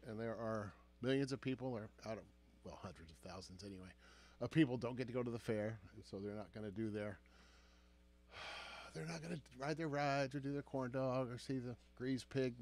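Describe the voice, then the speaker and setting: A man's voice: medium pitch, brisk, darkish tone. A man co-hosting a casual talk show, making snarky, sarcastic remarks. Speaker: podcast co-host. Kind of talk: casual chat.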